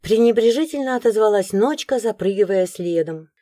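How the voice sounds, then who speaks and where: Woman reading a story, mellow voice. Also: medium pitch, normal speed, no room sound, clean studio sound. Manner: expressive storytelling. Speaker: audiobook narrator. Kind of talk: first-person audiobook narration.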